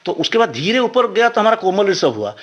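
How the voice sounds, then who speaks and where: A man explains things patiently, like a teacher working through each step. His voice sits high for a man and swings widely up and down. He speaks as a musician guest in an interview. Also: sing-song, fairly quick, fairly bright tone, muffled recording.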